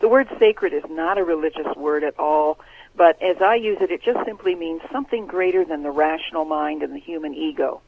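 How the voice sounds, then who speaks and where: A man, an author, answering interview questions in an earnest, measured way over the phone. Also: high voice. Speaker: author guest. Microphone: telephone. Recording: tinny phone line.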